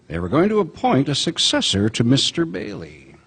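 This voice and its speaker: A man's voice: on the high side, wildly swooping pitch, normal speed, creaky, very noisy. A man narrating in a live radio drama, explaining the story in a storytelling way. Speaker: narrator speaking as a heavenly guide. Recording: theater stage with long reverb.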